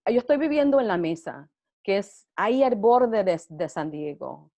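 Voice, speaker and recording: A middle-aged interviewee from Puerto Rico, with a Puerto Rican Spanish accent, talks casually about her life and laughs often. Her medium-pitched voice is mellow and sing-song at a moderate pace, captured in dull lo-fi audio.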